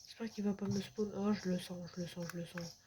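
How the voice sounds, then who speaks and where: A woman's voice: medium pitch, steady tone, quick pace. A woman giving let's play commentary, jumpy, swearing a lot and sometimes dropping into a whisper. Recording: noisy with clicks.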